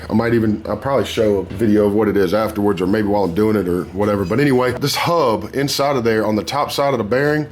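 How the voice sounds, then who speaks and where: Rambling hillbilly-accented man in a noisy shop. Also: mid-range voice. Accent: Southern US hillbilly drawl. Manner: rambling, folksy, talkative. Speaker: motorcycle painter and builder presenting a how-to. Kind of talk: casual hands-on tutorial talk. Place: dingy workshop. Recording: noisy workshop ambience.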